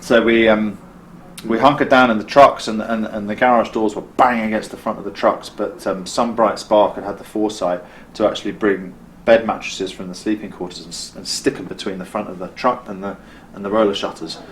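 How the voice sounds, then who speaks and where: A man's voice: on the low side, fairly even intonation, fairly quick, slight background noise, low-quality recording. A British man and filmmaker, interviewed as a guest, telling a vivid story in conversation, acting out what people said and often restarting his sentences. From Britain. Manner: vivid, acts out quotes, frequent restarts. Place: costume shop.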